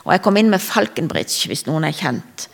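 A woman delivers a sermon woven with her own testimony. Her voice sits low and carries a gravelly rasp. She preaches fervently, swelling to loud emphasis and then falling to near-whispers. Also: lively intonation.

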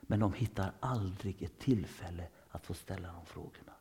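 A man with a Swedish accent preaching an informal sermon, dropping into hushed whispers and then rising into sudden loud bursts. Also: sits low, a little hiss or hum. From Sweden.

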